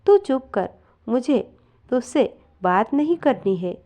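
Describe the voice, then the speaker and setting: A stubborn, scolding older mother-in-law, read out by a woman storyteller. She snaps in short, curt lines. The voice sits fairly high and moves up and down a lot at an unhurried pace. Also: big pitch swings, warm tone. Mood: angry, stubborn.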